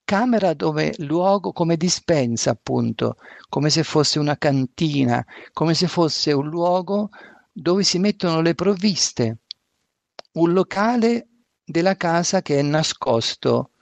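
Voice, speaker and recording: A man preaching a sermon and reading scripture aloud, reflective and asking rhetorical questions, with a gravelly voice. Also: on the high side, animated, slow, no echo.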